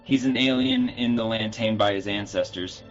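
A man voicing a gruff male spirit guide with a robotic, metallic voice, who switches between solemn pronouncements and crude slang. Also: lowish voice, normal speed, muffled recording, faint music behind. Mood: impatient.

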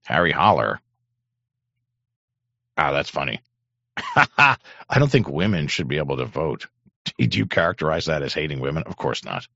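A middle-aged man with a hoarse throat hosting an on-air show, rambling and swearing, often clearing his throat. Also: extremely low pitch, very animated, normal speed, long pauses, pushed and bright, dry recording. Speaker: show host. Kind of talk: casual on-air monologue. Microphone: studio microphone. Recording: dry, dull lo-fi mic.

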